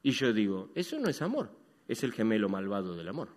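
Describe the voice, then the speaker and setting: Rioplatense male pastor, lively preaching, reverberant church hall. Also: lowish voice, a little fast. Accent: Rioplatense Spanish. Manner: animated preaching, swings between loud and hushed. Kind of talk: sermon.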